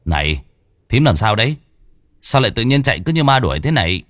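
A man voicing a gruff, sleepy middle-aged husband who talks low and dismissively in a spoken horror story. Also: big pitch swings, a little fast, a bit bright, no echo, clean studio sound.

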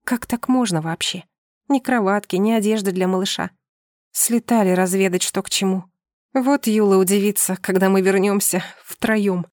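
A woman narrating an audiobook in the first person with lively, expressive storytelling. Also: mid-range voice, normal speed, no room sound, clean studio sound.

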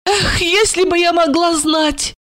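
A woman voicing a drunk, frightened woman who wails in a shrill, hysterical way, in a storybook reading. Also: fairly even intonation, a little slow, fairly bright tone.

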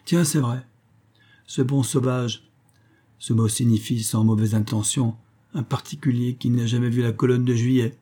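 A man's voice: medium pitch, steady tone, moderate pace, mellow, lightly acted. A man playing a jaunty, chatty Parisian castaway who jokes in colloquial speech, in an audiobook.

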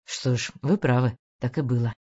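A woman voicing a weary middle-aged male ex-detective who grumbles through his teeth in a lowered voice. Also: moderate pace, dark tone, slightly rough. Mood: gruff, weary. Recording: dull lo-fi audio.

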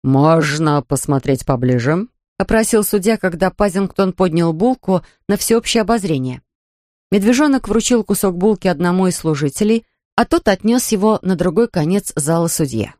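A storyteller reading a children's book aloud at a medium pitch, steady and clear. The voice is recorded close and dry, with no room sound. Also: normal speed, no room sound. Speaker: audiobook narrator. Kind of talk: scripted storybook narration.

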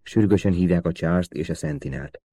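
A man's voice: low-pitched, mellow, dry recording. A man reading the part of a male intelligence officer giving terse, commanding orders in an audiobook. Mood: urgent.

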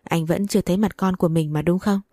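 A woman voicing a frantic young wife in a read-aloud story, pleading in quick, breathless bursts. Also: fairly low pitch, steady tone, dark tone, no echo, clean studio sound, lightly acted. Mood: desperate pleading.

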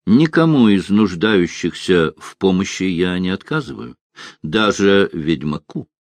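A man voicing a calm, polite knight in a storybook reading. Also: deep voice, measured pace, dry recording.

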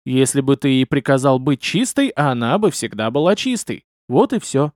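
A man voicing a calm male companion who patiently explains things, in an audiobook. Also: medium pitch, moderate pace, no room sound, studio quality, close to an everyday voice. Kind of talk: audiobook character voice.

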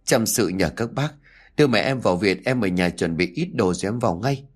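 Brief: resentful young daughter-in-law, rapid scolding bursts, low voice, as a male storyteller puts her on. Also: animated. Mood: panicked. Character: scolding, resentful young wife who grows frantic.

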